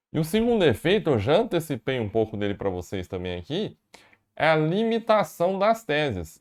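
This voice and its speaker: A man delivering a recorded law lecture in a mid-pitched voice. He explains step by step and slows down to repeat the key phrases. His tone is that of a patient teacher. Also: darkish tone. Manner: explanatory, repeats key points slowly for emphasis. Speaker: law professor.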